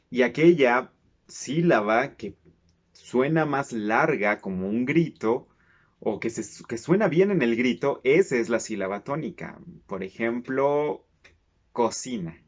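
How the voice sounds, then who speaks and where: A man's voice: mid-range voice, a little slow, lo-fi sound. A man teaching casually, stretching words out syllable by syllable to show how they sound. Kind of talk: casual explainer lesson.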